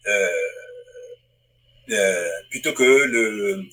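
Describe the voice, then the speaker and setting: A man from Africa who works as a publisher and writer answers interview questions thoughtfully, often restarting phrases as he searches for words. His lowish voice has drawn-out words and a sharp tone, and the low-quality recording places him in the Northwest Territories.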